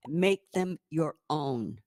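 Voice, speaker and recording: A woman co-hosting a live-stream news show, reading items in a cheerful, measured way. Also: low-pitched, lively intonation, darkish tone, no room sound, clean studio sound. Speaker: co-host.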